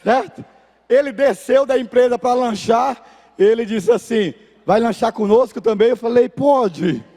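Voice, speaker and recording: A man's voice: very high voice, normal speed. A male pastor with a Brazilian Portuguese accent preaching a sermon, telling an anecdote and acting out the voices of the people in it. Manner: animated, acts out voices in anecdotes. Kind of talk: sermon with storytelling. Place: church sanctuary. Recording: reverberant church hall.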